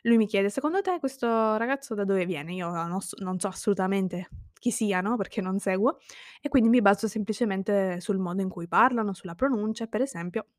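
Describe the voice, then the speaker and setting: A woman's voice: medium pitch, brisk, dry recording. Earnest Sicilian-born woman, dry sound. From Sicily, Italy. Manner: earnest, reflective, thinking aloud. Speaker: vlogger. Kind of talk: personal monologue.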